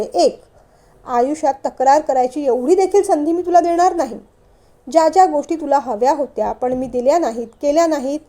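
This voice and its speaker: A remorseful man, recently divorced, pleads earnestly and from the heart for another chance, read by a woman in a storybook reading. The voice sits high and mellow. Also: close to an everyday voice.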